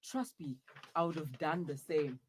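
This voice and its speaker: A man's voice: a little high, measured pace, a little hiss or hum, close to an everyday voice. A man playing a young man trapped in his girlfriend's body, whiny and prone to dramatic outbursts, in a comic audio drama. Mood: pleading.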